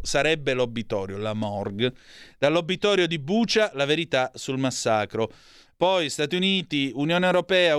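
A man presents a live news review in a clean, resonant voice at a middle pitch. The sound is dry and close. He reads headlines, hesitates, corrects himself and drops in asides. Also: a bit bright, clear, resonant tone, dry recording. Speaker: radio news host. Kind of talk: live press review, reading and commenting on headlines.

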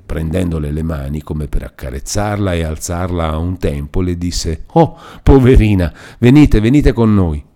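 A man reading a classic novel aloud as an audiobook narrator, measured and expressive. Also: low voice.

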